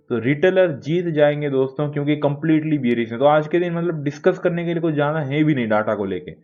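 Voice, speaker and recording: A man's voice: on the high side, darkish tone, lo-fi sound. A man giving a casual talk that analyses the stock market, chatty and repeatedly addressing his viewers as friends.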